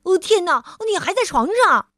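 A woman voicing a hyperactive, bossy grown man who is always rushing, speaking in brisk, excited exclamations for a children's storybook reading. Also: high voice, no echo, studio quality, pitched above the performer's own voice, full character voice. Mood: hurried.

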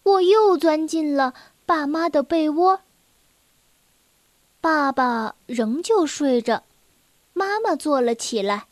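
A woman reading a children's storybook aloud in a slow, clear and expressive way. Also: high voice, no echo.

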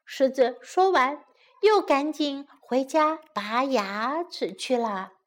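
Slow, high-voiced woman storyteller for kids. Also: lively intonation. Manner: gentle, coaxing tone for children. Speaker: teacher and children's storyteller. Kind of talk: bilingual children's story narration and English lesson.

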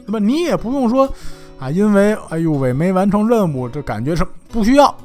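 A man's voice: high voice, very animated, brisk, soft background music. A man doing a hearty, generous hero. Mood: reassuring. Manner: warm, reassuring, brushes off trouble. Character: hearty generous heroic man, middle-aged.

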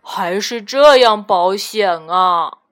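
A woman voicing a timid, easily frightened male doctor in a children's storybook reading, fretful and quick to panic. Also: mid-range voice, fairly bright tone, pitched below the performer's own voice. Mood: worried.

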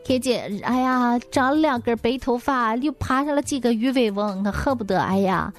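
A woman's voice: a little high, animated, normal speed, faint music behind. A woman host telling comic stories in a folksy, exclamatory monologue.

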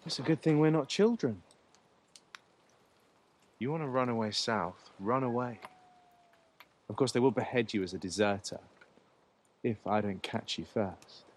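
A man's voice: medium pitch, measured pace, long pauses, close to an everyday voice. An actor playing a haughty young nobleman who leads a patrol in a television drama, speaking coldly and with contempt. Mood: scornful menace. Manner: cold, contemptuous, threatening.

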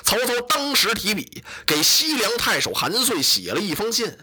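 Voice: mid-range voice, wildly swooping pitch, normal speed, sharp tone, slightly rough. A storyteller narrating a historical epic in a dramatic, declaiming traditional storytelling style.

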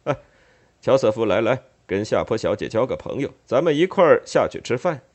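A man's voice: mid-range voice, big pitch swings, a little fast. A man reading an audiobook, voicing a jovial older merchant father who jokes and teases his son in a hearty voice. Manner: hearty, joking.

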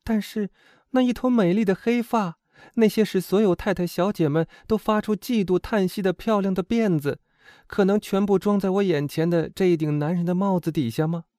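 A man's voice: high voice, moderate pace, mellow, no echo, studio quality, pitched above the performer's own voice, lightly acted. A man voicing a timid young woman who admires her bolder friend and worries about trouble. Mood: admiring. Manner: anxious, admiring.

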